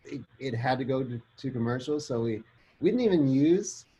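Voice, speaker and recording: A man's voice: mid-range voice, animated, normal speed, mellow, lo-fi sound, slight background noise. A man chatting casually as an interview guest. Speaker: interview guest, film composer. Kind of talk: casual chat.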